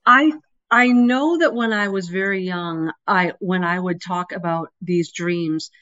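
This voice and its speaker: Middle aged lady guest on a dull call line, kinda low voice, telling her faith story earnestly. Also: measured pace, fairly bright tone. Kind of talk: conversational testimony and teaching. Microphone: remote call connection. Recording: dull, band-limited remote call.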